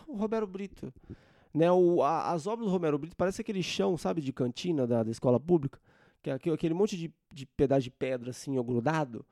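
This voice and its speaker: A young man hosts a solo podcast, ranting informally with slang and sarcasm into a close microphone. His voice is fairly high and mellow, and the recording is dry.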